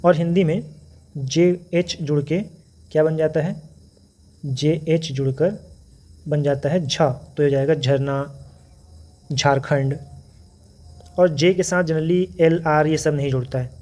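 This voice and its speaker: A man's voice: on the high side, fairly even intonation, slow, pauses often, dark tone. A man teaching English letter sounds, explaining patiently and repeating each example word. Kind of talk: phonics lesson.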